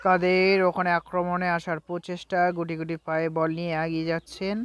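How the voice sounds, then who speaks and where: A man with a high-pitched voice calls a local football match play by play. His commentary has an announcer's delivery, linking each move with repeated stock phrases. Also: flat delivery, brisk, a bit bright, clean tone. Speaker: football commentator and channel host.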